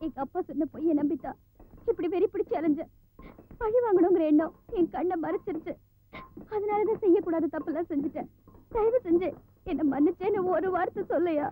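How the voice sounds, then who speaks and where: Young village wife, high voice, pleading, tinny lo-fi film audio, music behind. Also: female voice, a little fast. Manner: pleading, emotional. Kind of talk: 1990s film acting.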